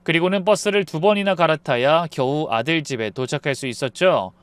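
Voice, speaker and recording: High-voiced man telling a rueful story. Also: clear, resonant tone, dry recording. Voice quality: calm, rueful and measured. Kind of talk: scripted first-person story narration.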